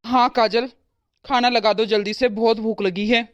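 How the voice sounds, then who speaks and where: A fretful young husband in a cartoon, voiced by a woman, torn between his wife and his parents. He talks in a soothing, placating way, in a highish voice with a dry, close sound. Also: steady tone, moderate pace, no room sound, highs cut off, lightly acted. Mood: hungry. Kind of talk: cartoon voice acting.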